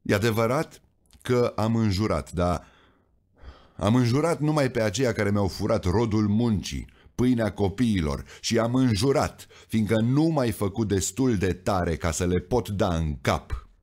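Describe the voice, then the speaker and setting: A man's voice: lowish voice, animated, darkish tone, voice pushed up, close to an everyday voice. A man voicing a stubborn, plainspoken old coal miner who pleads his case with earnest defiance.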